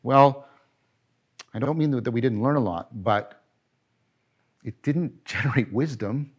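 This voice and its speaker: A middle-aged man delivers a philosophy lecture with animated emphasis, often correcting himself and posing rhetorical questions. His mid-range voice is husky and a little slow.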